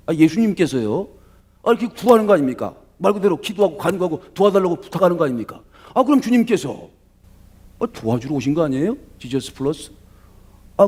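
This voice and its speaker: A male pastor giving a lively sermon, asking the congregation rhetorical questions and acting out voices from the story. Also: on the high side.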